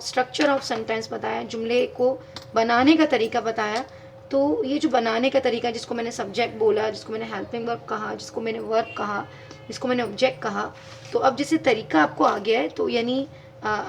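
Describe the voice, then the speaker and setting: A woman's voice: fairly high pitch, steady tone, normal speed, gravelly, slight background noise. A woman teaching English grammar in a video lesson, patiently explaining step by step and spelling words out letter by letter.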